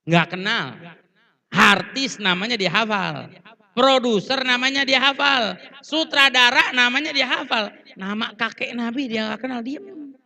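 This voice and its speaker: A man preaches to a congregation in a bright, ringing, high voice. He tells his stories by acting out the quoted dialogue and speaks straight to the listeners with polite apologetic asides. His words carry a long reverb from a large hall sound system. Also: a little slow, creaky. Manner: addresses audience directly, apologetic asides. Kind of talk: Islamic sermon at a Maulid event.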